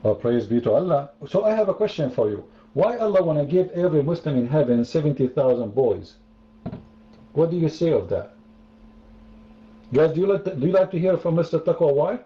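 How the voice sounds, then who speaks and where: In an online debate room, a male host mocks religious arguments sarcastically, repeating phrases for effect. His voice is fairly high with lively intonation, normal speed and long pauses. The voice chat audio sounds roomy and dull.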